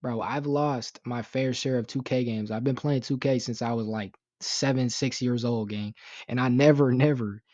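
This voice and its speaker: A man's voice: medium pitch, fairly even intonation, moderate pace, darkish tone, no echo, dull audio. A young man giving casual commentary on a news story, rambling with lots of fillers, swearing and sounding indignant. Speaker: YouTube commentator.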